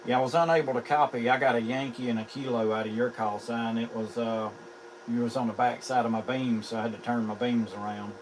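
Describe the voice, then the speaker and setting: A man's voice: mid-range voice, little pitch movement, brisk. A man working as an amateur radio operator, plain-spoken and folksy, calling and repeating phonetic call signs amid radio static. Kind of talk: ham radio calling and casual contact. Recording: clear background radio noise.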